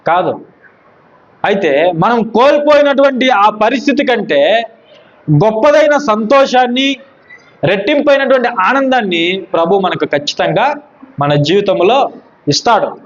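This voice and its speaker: A man preaching a sermon who asks his listeners questions and answers them himself, dropping low and slow on scripture quotes. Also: animated. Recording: dull lo-fi recording.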